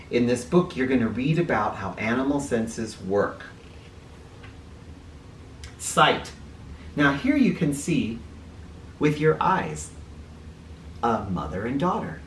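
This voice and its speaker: Reading to kids in a roomy room, a man who is a teacher and children's book reader sounds playful, with very lively pitch, and pauses for asides, explanations and questions aimed at them. The mic is somewhat distant and picks up faint noise.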